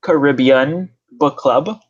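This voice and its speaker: A man's voice: on the high side, slow pace, muffled recording. A man from Trinidad, hosting a casual book club livestream and chuckling as he talks. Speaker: channel host.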